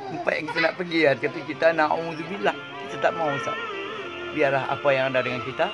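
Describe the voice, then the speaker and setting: An old Malaysian man in his eighties talks about faith in a slightly raised, halting voice, wandering between thoughts and dropping in Arabic phrases. He speaks close to a phone in a small indoor room. Music plays clearly behind him. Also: a little high, steady tone. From Kedah, Malaysia. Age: 80s. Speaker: interviewee. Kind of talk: religious reflection. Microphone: phone held close.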